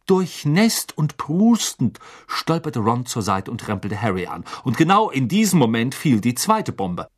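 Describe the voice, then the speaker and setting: A man narrating an audiobook in an expressive, dramatic storytelling manner. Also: medium pitch, unhurried, hardly any pauses.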